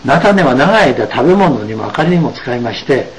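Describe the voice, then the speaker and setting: Male religious lecturer, animated intonation, emphatic and explanatory, faint room hum. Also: medium pitch, low-quality recording. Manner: emphatic, with frequent drawn-out asides. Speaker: religious teacher.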